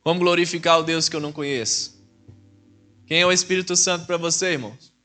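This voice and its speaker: A man preaches a church sermon in a Mineiro Brazilian accent, with a fairly high, bright voice. He is a deacon, and he talks to the congregation in a conversational way, calling them brothers. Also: steady tone, fast, soft background music. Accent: Mineiro Brazilian Portuguese. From Minas Gerais, Brazil.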